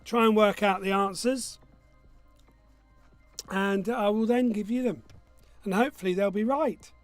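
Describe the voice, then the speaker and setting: A man's voice: high voice, unhurried, soft background music. A man with a missing front tooth hosting a quiz casually, reading questions and answers in a jokey, self-mocking way. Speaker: quiz host.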